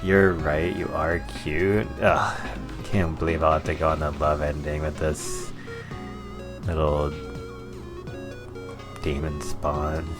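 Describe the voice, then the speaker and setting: Very deep, unhurried male gaming commentator. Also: flat delivery, over music. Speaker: gaming playthrough host. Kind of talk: casual gameplay commentary.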